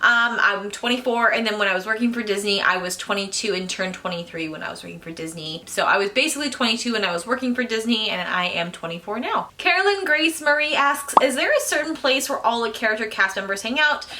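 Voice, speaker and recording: A woman's voice: fairly high pitch, expressive, fast talker, few pauses, bright, forceful tone. A woman, casually answering viewer questions in a chatty way, full of "um" and "like". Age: 20s. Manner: chatty, lots of fillers like "um" and "like". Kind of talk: casual Q&A talk to camera.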